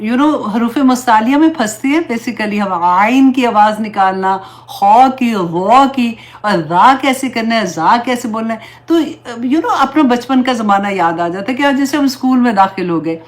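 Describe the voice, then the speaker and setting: A woman Islamic teacher giving an earnest, pleading religious talk, slipping English words into her speech. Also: fairly high pitch.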